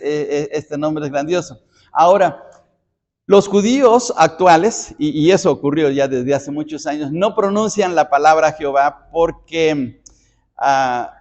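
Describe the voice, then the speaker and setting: A man's voice: fairly high pitch, darkish tone, highs cut off. A male pastor from Mexico teaching a Bible study. He explains step by step, often checks in with the audience by asking "¿sí?", and sometimes repeats words while he thinks.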